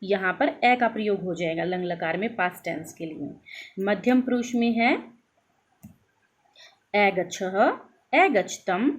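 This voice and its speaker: A woman teacher giving a grammar lesson, slowly reciting verb forms and checking in with her students. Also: mid-range voice, breathy edge. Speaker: Sanskrit teacher.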